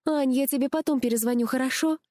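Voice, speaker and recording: A woman's voice: high-pitched, fast talker, a little mellow, dry recording, studio quality, voice pushed up, close to an everyday voice. A woman reading an audiobook, voicing a tired, anxious young woman in a raised voice. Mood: alarmed.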